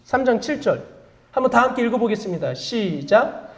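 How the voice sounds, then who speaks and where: A woman's voice: fairly high pitch, animated, normal speed. Woman pastor preaching with rhetorical questions. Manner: asks the congregation frequent rhetorical questions; confessional, self-deprecating asides. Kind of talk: sermon.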